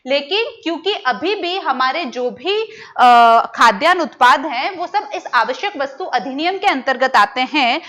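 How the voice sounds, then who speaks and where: A woman's voice: high-pitched, lively intonation, measured pace, fairly bright tone. A young woman giving an exam-prep lecture who poses questions to her students, answers them herself and repeats the key terms. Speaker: teacher.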